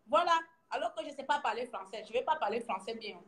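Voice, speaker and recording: A middle-aged woman from Gabon with a Gabonese French accent, teasing her viewers in a lively casual vlog, laughing often and trailing off as she searches for words. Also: fairly high pitch, quick pace. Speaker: vlogger. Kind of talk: casual mocking commentary to viewers.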